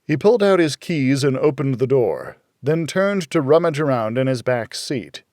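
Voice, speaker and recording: A male audiobook narrator with a middle-pitched, darkish, sing-song voice reads a first-person noir thriller in a measured, dramatic way. The recording is very dry, like a booth.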